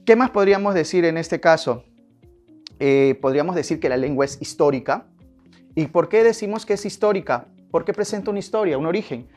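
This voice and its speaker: A man's voice: on the high side, animated, a little fast, darkish tone, faint music behind. A male language teacher, giving a classroom lecture in which he poses questions and answers them himself.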